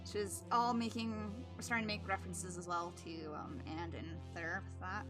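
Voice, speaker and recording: A woman's voice: mid-range voice, normal speed, over music. A woman streamer giving chatty, rambling commentary during a live stream, laughing often.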